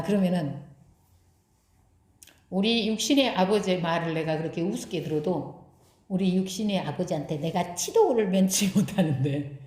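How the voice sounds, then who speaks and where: A woman pastor preaching a sermon, putting rhetorical questions to her congregation and answering them herself. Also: medium pitch. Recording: echoey room.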